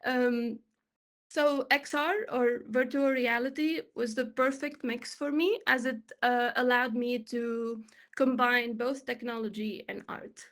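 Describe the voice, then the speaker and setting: Speaking slowly in a steady, fairly high voice, a young Tunisian woman in her twenties presents her XR development work to an online panel. She's upbeat and chatty, using plenty of fillers.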